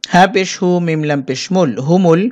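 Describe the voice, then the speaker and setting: A man teaching Quran reading, methodically spelling out letters and vowel marks, then chanting whole words slowly and drawn out. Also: high voice, a little mellow, muffled recording. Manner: patient, methodical instructions in between.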